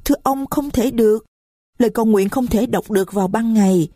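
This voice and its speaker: A woman's voice: on the high side, a little fast, dark tone, dry recording, clean studio sound, voice pushed up, natural voice. A woman putting on a shy, polite little girl. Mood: innocent. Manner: timid, childlike, polite. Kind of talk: audiobook reading.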